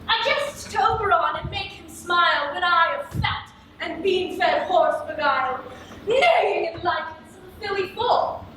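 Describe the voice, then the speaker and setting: Noisy echoey stage recording, woman playing merry prankster sprite, super high slow voice, playful shakespeare. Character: mischievous, merry trickster sprite boasting of pranks. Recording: distant echoey stage capture with clear noise.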